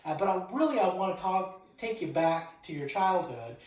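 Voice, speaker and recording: A man's voice: sits high, expressive, moderate pace, darkish tone. A man hosting an interview, friendly and upbeat, laughing easily between questions. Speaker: interview host. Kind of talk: casual interview. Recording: echoey room, voice far from mic.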